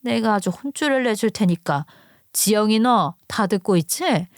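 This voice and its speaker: A woman's voice: medium pitch, expressive, normal speed, no room sound, studio quality, lightly acted. A woman voicing a hot-tempered middle-aged single mother who scolds harshly in a dramatized story. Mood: furious. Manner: combative, scolding, rough-tongued. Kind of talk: storytelling acting.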